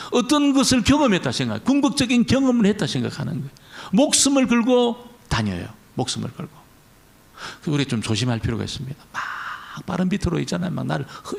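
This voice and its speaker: Male pastor, fairly high and gravelly, conversational church sermon, echoes his key words. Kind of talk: Friday prayer meeting sermon.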